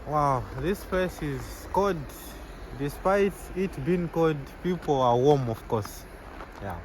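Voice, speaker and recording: A young man, a medical student answering street-interview questions outdoors in a relaxed, easygoing way. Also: a little high, takes it slowly, slight background noise, rough recording. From Zambia. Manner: easygoing, chuckles between answers, repeats "yeah".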